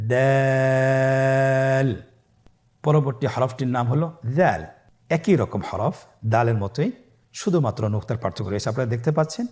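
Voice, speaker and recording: A man's voice: medium pitch, darkish tone. A man with a Bangladeshi Bengali accent teaching beginners Quran recitation, patiently drilling and drawing out each letter.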